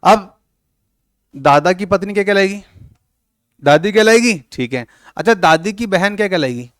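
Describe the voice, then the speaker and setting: A man's voice: high voice, expressive, moderate pace, fairly bright tone, no echo, studio quality. A man teaching a coaching class, teasing his students and acting out little scenes as he explains. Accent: Hindi-English mixing, Rajasthan. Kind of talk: classroom lecture.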